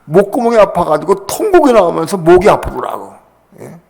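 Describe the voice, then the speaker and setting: A man's voice: sing-song, fairly quick, vocal fry, darkish tone. An older man, a pastor, giving an emotional sermon testimony, his voice leaping up in passionate bursts. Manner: emotional, pitch rising sharply in passionate bursts. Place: church sanctuary. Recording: church hall with long reverb.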